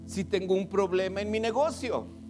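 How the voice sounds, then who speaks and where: A man with a Mexican Spanish accent preaching a sermon as pastor, animated, acting out the voices of congregants. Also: sits high, normal speed. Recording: music playing behind.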